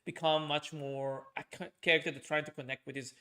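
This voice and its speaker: Pushed and bright yet level in tone, a fairly high male voice moves briskly as this streamer and podcast host rambles loudly in casual chat, heavy on fillers and restarts.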